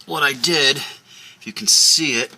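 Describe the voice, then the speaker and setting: A tired man talking casually and haltingly to vlog viewers in a low-key way. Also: bright, forceful tone, a little hiss or hum, rough recording. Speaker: car vlog host.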